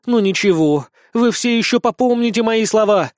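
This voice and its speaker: A man voicing a sharp-tongued, jealous young noblewoman who is the elder sister, speaking scornfully. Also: high-pitched, animated, moderate pace, no echo, clean studio sound, pitched above the performer's own voice. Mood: snappy. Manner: scornful, snappy.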